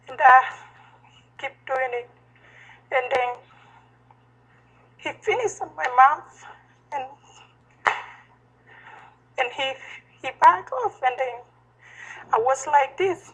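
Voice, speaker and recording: Woman with a high voice, halting, keeps repeating herself in an interview. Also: a bit bright, slightly rough, low-quality recording. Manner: halting, repeats and restarts phrases. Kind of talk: recounting an event in an interview.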